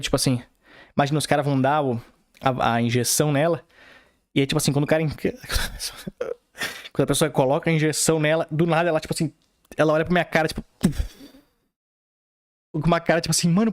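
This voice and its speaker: A man's voice: a little high, fairly even intonation, fast, pauses often, no echo, clean studio sound. A man with a Brazilian accent, hosting a podcast and telling a personal story in a rambling, slangy way full of fillers and acted-out dialogue. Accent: Brazilian Portuguese. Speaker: podcast host. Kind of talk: casual storytelling.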